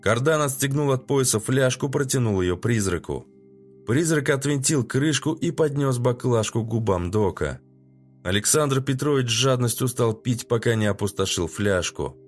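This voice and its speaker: A man narrating an audiobook in a steady, even reading voice. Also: mid-range voice, moderate pace, soft background music.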